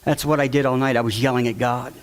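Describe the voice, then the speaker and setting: A father tells an audience his personal story, earnest and emotional, speaking fast in a medium, level-toned voice. When quoting people he acts out their voices, sometimes shouting.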